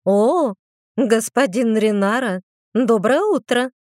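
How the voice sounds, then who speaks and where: A woman's voice: a little high, expressive, unhurried, a little mellow, no echo, clean studio sound. Playful teasing mother, voiced by a woman.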